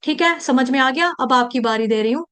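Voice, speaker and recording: A woman's voice: high voice, fairly quick, fairly bright tone. A woman teaching how to pronounce and recite a Sanskrit verse, breaking words into syllables and explaining their meaning patiently.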